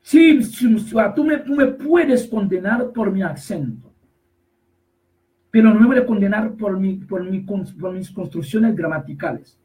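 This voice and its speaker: A man preaching a sermon, emphatic and repetitive, slowly reading scripture verses and then explaining them. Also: high voice, expressive, recorded from a distance, poor audio. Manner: emphatic, repetitive, rises to shouts on key phrases.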